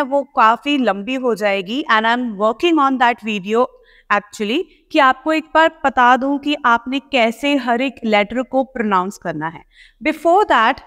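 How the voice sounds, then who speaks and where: A woman's voice: sits high, fairly bright tone. A woman PTE coaching teacher, explaining pronunciation to students in a spoken lesson. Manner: explanatory, addresses students directly. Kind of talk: spoken lesson in Hindi-English mix. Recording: long hall reverb.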